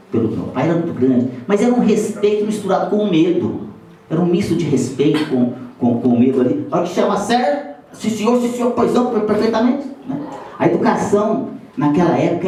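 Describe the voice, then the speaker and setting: A man's voice: a little high, dark tone, slight background noise. A middle-aged Brazilian man giving a lecture, telling folksy stories and asking the audience for agreement. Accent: Brazilian Portuguese. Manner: folksy storyteller, asks the audience "né?" and "não é assim?". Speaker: speaker at a spiritist center lecture. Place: lecture hall. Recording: echoey hall, distant mic.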